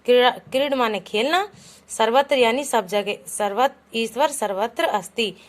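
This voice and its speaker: A woman's voice: on the high side, moderate pace. A woman teaching a Sanskrit lesson to children, patiently reading each example aloud and then explaining it. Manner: patient, calls the pupils "beta", reads each example aloud then translates it. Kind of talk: classroom lesson explaining Sanskrit words in Hindi.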